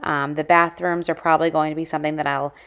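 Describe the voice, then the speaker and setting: A woman's voice: low-pitched, level tone, quick pace, a bit bright, smooth, highs cut off. A woman in her thirties narrating a home cleaning vlog in a casual voice-over, explaining her routine conversationally with occasional fillers. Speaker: lifestyle vlogger.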